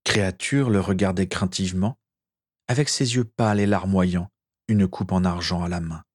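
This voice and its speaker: A man narrates a fantasy story with measured, expressive delivery. His voice sits fairly low for a man, and he reads the prose steadily and with feeling. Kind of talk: dramatic story reading.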